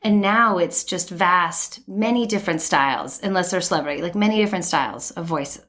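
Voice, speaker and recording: A middle-aged woman and voice actor chatting casually, with a sweet, smooth voice and crisp enunciation. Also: on the low side, fairly quick, a bit bright. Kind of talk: casual chat.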